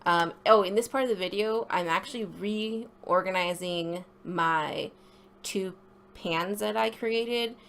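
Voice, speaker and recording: A woman's voice: mid-range voice, takes it slowly, gravelly, fairly bright tone, slight background noise. A woman with a slight lisp giving a casual, rambling voice-over for an art video, with informal apologetic asides.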